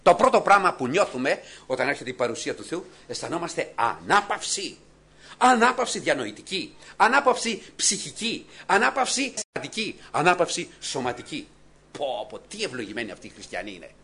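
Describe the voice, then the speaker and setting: A man delivers a sermon in a bright, ringing voice that sits a little high for a man. His pitch rides up and down with a lot of life. He swings from loud exclamations down to hushed murmurs and keeps asking his listeners questions. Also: very animated, slightly rough. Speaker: preacher.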